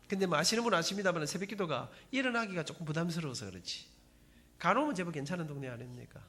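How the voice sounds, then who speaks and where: Middle-aged guy w gyeongsang accent telling his church testimony, high voice, swings up and down a lot. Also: rapid-fire. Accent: Gyeongsang Korean. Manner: animated dramatic storytelling, addresses audience. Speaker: speaker giving a faith testimony.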